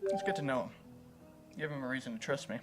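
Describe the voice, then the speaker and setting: A man's voice: mid-range voice, lively intonation, fast talker, faint music behind. A man reading a visual novel game aloud as a gaming host, playful and chuckling at the story.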